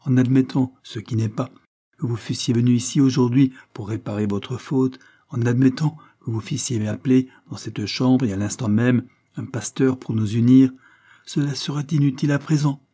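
A man's voice: medium pitch, fairly even intonation, normal speed, husky, pitched above the performer's own voice, natural voice. A man voicing a jilted young noblewoman, speaking in an impassioned, reproachful way. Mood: bitter. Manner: impassioned, reproachful delivery, louder than the narration. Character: jilted young English noblewoman, bitter and proud.

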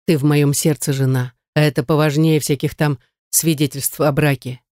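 A woman reading a stern, domineering husband in a lowered, curt voice. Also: fairly even intonation, normal speed, dark tone, no echo, clean studio sound, natural voice.

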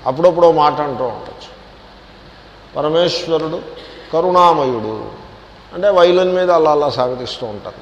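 A man's voice: a little high, expressive, fast talker, few pauses, muffled recording, a little hiss or hum. A man, a swami, giving a scripture discourse in a wry, questioning manner, mixing in English words. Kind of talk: Vedanta discourse. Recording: echoey hall with faint ambience.

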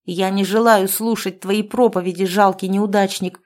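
Brief: a woman doing a raging, violent husband from an audiobook, shouting, in a dark reading voice. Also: medium pitch, steady tone, moderate pace, lightly acted. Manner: shouting angrily.

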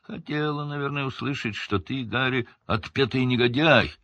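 A man voicing a gentle, simple-hearted half-giant gamekeeper who talks gruffly and haltingly. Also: mid-range voice, no room sound, voice pushed up, natural voice. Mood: gruff, homely. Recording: dull lo-fi audiobook recording.

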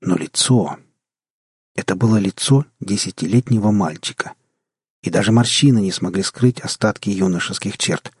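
A man narrating a post-apocalyptic audiobook in the first person, measured and tense. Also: on the low side, slightly rough, no room sound, clean studio sound.

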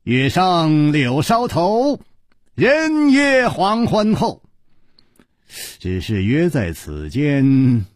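A man voicing a charming, amused martial hero who teases with slow, knowing lines. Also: lowish voice, sing-song, a little mellow, no echo, clean studio sound, exaggerated voice. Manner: smooth, teasing, laughing. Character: suave, amused swordsman hero, man in prime.

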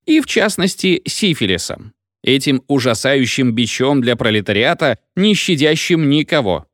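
A man's voice: medium pitch, big pitch swings, normal speed, a bit bright, no room sound, studio quality, voice pushed up. A man voicing a drunken, pompous village medic who lectures in a rambling, hiccuping sing-song. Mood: tipsy lecturing.

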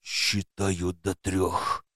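A male audiobook reader voicing an angry, threatening male rescuer in a low, growling voice. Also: monotone, extremely slow, bright, forceful tone, dry recording, clean studio sound, exaggerated voice. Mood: menacing. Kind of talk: audiobook character voice.

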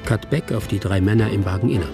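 This man talks fast in a lowish voice that's close to his everyday speech, narrating a film script for a radio drama. As a detached narrator, he delivers short, observational present-tense sentences with suspense, over music.

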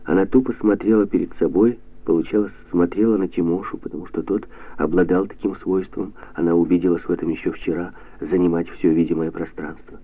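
A man calmly reading a literary novel aloud in a measured, even way. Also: low-pitched, breathy edge. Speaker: audiobook narrator. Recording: tinny lo-fi radio sound.

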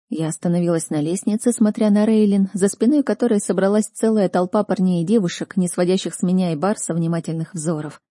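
Husky, dark-voiced woman narrating. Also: fairly low pitch, no echo, studio quality. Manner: expressive, dramatic reading. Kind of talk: first-person audiobook narration.

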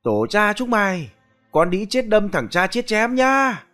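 A woman's voice: medium pitch, sing-song, measured pace, fairly bright tone, faint music behind, voice pushed up. A man voicing a furious, foul-mouthed village wife who screeches curses and wails in a storybook reading. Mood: screeching abuse.

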